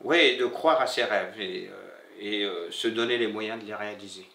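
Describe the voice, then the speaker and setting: A lowish voice with vocal fry, pushed and bright, belongs to a middle-aged Moroccan bookseller telling his story reflectively in an interview. He learned French later in life after moving to France and halts often, pausing and repeating as he looks for words. He's seated in an indoor room with a bare wall; the slightly distant mic gives a roomy echo.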